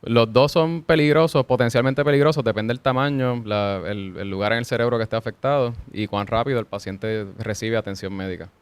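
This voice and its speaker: A man speaks quickly as a cardiologist guest, explaining things step by step with little restarts. His voice is smooth and clear, recorded dry and close. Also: mid-range voice, no echo. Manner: measured, explanatory, frequent small restarts. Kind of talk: explanatory interview answers.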